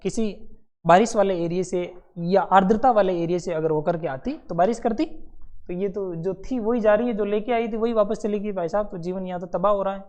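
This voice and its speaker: A man teaching a lively classroom lesson for competitive exam students. He slips into storytelling mid-lecture and acts out the scenes, then turns back to the class with quick asides. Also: high-pitched.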